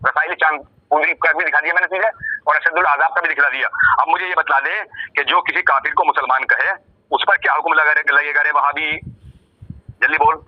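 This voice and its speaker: A man's voice: a little high, steady tone, fairly quick, highs cut off. A man in a heated religious debate who keeps demanding answers and fires the same question over and over.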